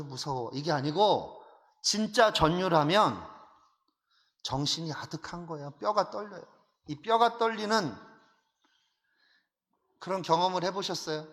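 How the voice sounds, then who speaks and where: A male pastor preaching an animated sermon, full of rhetorical questions and emphatic repetition. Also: fairly high pitch. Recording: long hall reverb.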